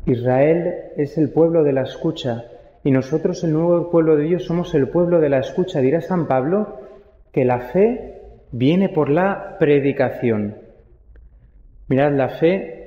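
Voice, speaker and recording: A young man with a Spanish accent, preaching a sermon as a priest, reflective, with quiet rhetorical asides. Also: fairly high pitch. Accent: Spain. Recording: echoey church, long reverb, dull sound.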